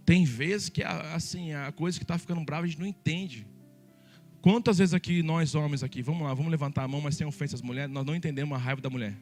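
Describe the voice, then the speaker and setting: A man preaching a sermon as the pastor, his voice sitting a little high for a man. He jokes with the congregation and turns to them often with questions. A soft guitar plays behind him. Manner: lively, joking preacher who addresses the congregation directly.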